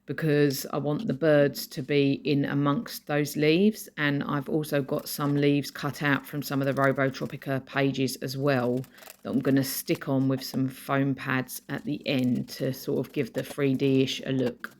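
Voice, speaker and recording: Low-voiced woman narrating her art process. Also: level tone, unhurried, a little mellow. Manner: chatty, explains her supplies and gives practical tips. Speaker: art journaling creator. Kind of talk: casual voice-over narration of a craft process video.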